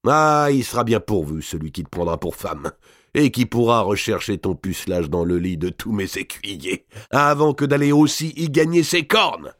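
A man's voice: on the low side, lively intonation, normal speed, a bit bright, no room sound, clean studio sound, pitched above the performer's own voice. A man reading an audiobook, voicing a domineering, gluttonous older countess who shrieks in fury. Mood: furious. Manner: shrieking, furious outbursts. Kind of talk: audiobook character voice.

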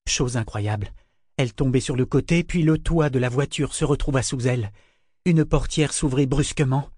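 Measured male audiobook narrator. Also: medium pitch, darkish tone, slightly rough, no echo, clean studio sound. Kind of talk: scripted fantasy narration.

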